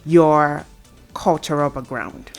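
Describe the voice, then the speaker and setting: A woman's voice: sits low, takes it slowly, gravelly, soft background music. A woman hosting a radio interview, attentive and encouraging as she leads into questions. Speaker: host.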